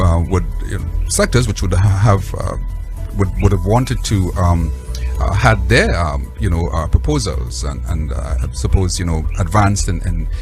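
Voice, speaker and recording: A man with a Trinidadian accent hosting a current affairs interview, speaking formally in halting, deliberate phrases. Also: deep voice, darkish tone. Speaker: talk show host.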